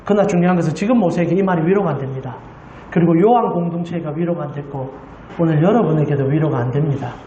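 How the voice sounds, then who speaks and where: A woman's voice: low-pitched, fast, dark tone, dull audio. A woman pastor preaching a Sunday sermon with passion, putting rhetorical questions to the congregation. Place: church sanctuary. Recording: roomy church hall echo.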